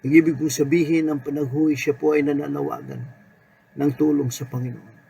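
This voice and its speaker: A man preaching a sermon in an unhurried way, mixing Tagalog and English and repeating key words. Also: on the high side, little pitch movement, vocal fry, warm tone, slight background noise, poor audio.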